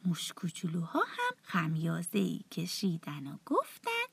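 Softly whispering woman telling a bedtime story. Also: fairly low pitch, huge pitch swings, vocal fry, slightly rough, no room sound. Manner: soft, often half-whispered, tender. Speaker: children's storyteller.

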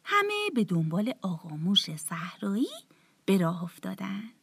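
A woman telling a bedtime story to children in a soft, often half-whispered, tender voice. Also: medium pitch, wildly swooping pitch, gravelly, slightly rough, dry recording, studio quality.

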